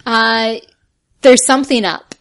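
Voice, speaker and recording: A woman's voice: on the high side, fairly even intonation, slow, gravelly, a bit bright. A woman acting as game master, casually narrating and recapping a tabletop role-playing game.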